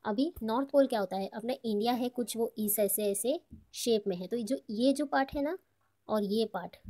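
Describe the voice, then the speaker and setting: An Indian woman teaching a children's textbook lesson. She reads English lines slowly and then explains them in casual Hindi, asking and answering her own questions for the kids. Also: a little high, warm tone.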